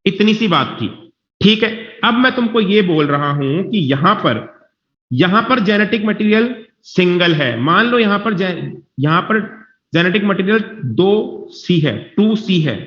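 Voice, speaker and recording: Teacher guy, highish voice, keeps checking if the class gets it, roomy muffled recording. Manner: reassuring, repeats himself, checks whether students follow. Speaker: biology teacher. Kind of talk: classroom lecture. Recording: dull, echoey classroom recording.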